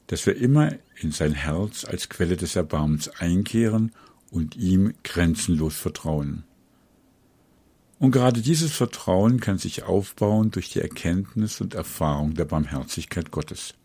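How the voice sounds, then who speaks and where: A man giving a spoken sermon in an earnest, measured devotional tone. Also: low voice, warm tone, husky, dry recording. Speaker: preacher.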